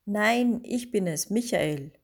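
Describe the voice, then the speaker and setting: A woman voicing a calm, supportive man who speaks firmly and soothingly. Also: medium pitch, takes it slowly, slightly rough, full character voice.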